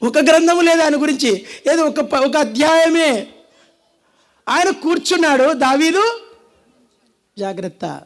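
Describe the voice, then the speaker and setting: A man with a Telugu accent preaching a sermon, dramatic and swinging between loud and hushed, calling on the congregation to answer. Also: very high voice, a little slow, pauses often. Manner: calls on the audience to answer.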